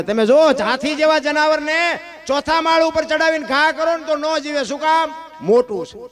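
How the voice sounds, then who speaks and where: A man giving a devotional folk discourse, throwing out rhetorical questions and swinging between loud and hushed delivery. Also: extremely high pitch. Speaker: folk storyteller.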